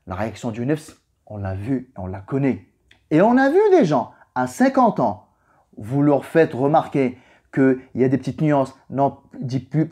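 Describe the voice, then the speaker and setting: Medium in pitch, mellow and husky, this young native Arabic speaker vlogs a personal religious reflection. It's informal and motivational, delivered emphatically with points repeated for weight.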